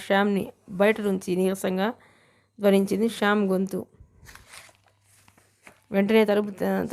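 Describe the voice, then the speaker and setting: A woman narrating a novel in an even, unhurried reading voice. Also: mid-range voice. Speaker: audiobook narrator. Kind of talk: storybook narration.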